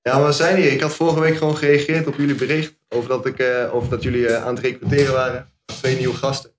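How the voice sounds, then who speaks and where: A man's voice: medium pitch, flat delivery, quick pace, music in the background. A man from Friesland, a guest on a podcast, chatting in a friendly way and admitting he was nervous. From Friesland, Netherlands. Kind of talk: casual podcast chat.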